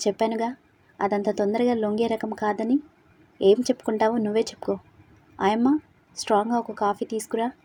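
A woman's voice: a little high, little pitch movement, brisk, pauses often, warm tone, a little hiss or hum, natural voice. A woman voicing a stern, angry young husband who scolds curtly in a storybook reading. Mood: scolding. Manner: curt, scolding.

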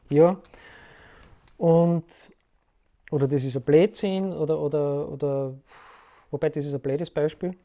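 A man's voice: a little high, dark tone. A man, explaining ideas casually to the viewer in a loose, rambling way and often checking in with "ja?". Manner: keeps asking "ja?" to check in with the listener. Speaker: self-help video host. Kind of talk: casual explanatory talk to camera.

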